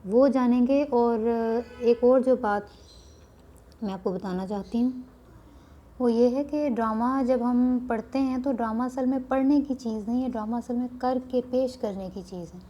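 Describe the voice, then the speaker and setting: A middle-aged woman teaches a class with a mellow, slightly high voice. She goes through a play patiently, stopping to explain it, and raises her voice when she acts out its dialogue. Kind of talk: reading a play aloud to students with explanations.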